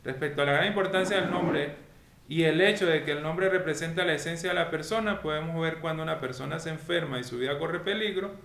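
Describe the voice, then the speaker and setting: A man's voice: a little high, creaky, pushed and bright. A man teaching a weekly Torah lesson in a didactic way, often checking that his listeners follow. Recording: echoey room with faint noise.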